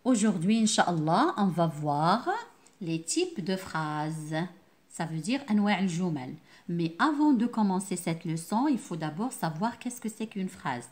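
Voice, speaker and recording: Female primary teacher, lively pitch, patient step-by-step lesson with repeated questions to the class. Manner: explains slowly, repeats key words, asks the class questions.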